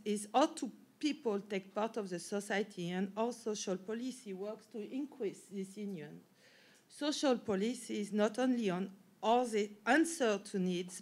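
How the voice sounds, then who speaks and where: Speaking in a medium-pitched, slightly mellow voice, this woman, a professor and native French speaker with a French accent, gives a talk as a panel speaker at an academic conference. Her speech is marked by frequent restarts and self-corrections.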